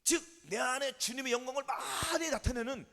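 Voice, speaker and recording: A man preaching an emphatic sermon as pastor, drilling his listeners with quick yes-or-no questions and calls of amen. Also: extremely high pitch, creaky, sharp tone, in a large hall.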